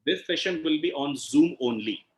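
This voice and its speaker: Crowd noise can be heard as a man with an Indian accent, a healing instructor hosting an online session, explains in a didactic manner and often checks in with a questioning "right?". His voice is on the high side, animated, at a moderate pace. The recording is a video call from an echoey room.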